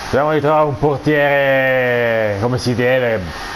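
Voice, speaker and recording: A man giving excited football video game commentary, explosive and foul-mouthed, cursing between shouted player names. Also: medium pitch, takes it slowly, noisy background.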